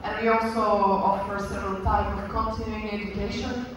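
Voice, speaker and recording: A man's voice: high voice, little pitch movement, moderate pace. A man from Belgium with a Belgian French accent, whose first language is French, giving a conference talk with many fillers and restarts. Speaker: lecturer. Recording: echoey hall from far off, noisy.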